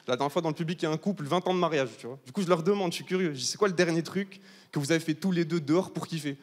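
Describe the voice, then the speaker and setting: A man's voice: fairly high pitch, very fast, darkish tone. A young man in his twenties from southern France doing a brash, chatty stand-up set and teasing a large live audience. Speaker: stand-up comedian. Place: large live comedy hall, audience of 800. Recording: live hall with reverb and faint ambience.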